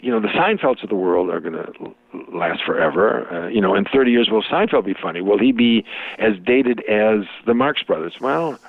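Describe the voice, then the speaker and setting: Man, interview guest, rambling, lowish voice, dry thin phone-line sound. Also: expressive, moderate pace, vocal fry, no echo. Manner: rambling, many restarts and filler words. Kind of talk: conversational interview.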